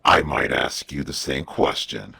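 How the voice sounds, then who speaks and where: A man voicing Batman, a grim, stern masked hero who speaks in a deep, gruff growl. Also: unhurried, bright, forceful tone, no echo, heavily acted.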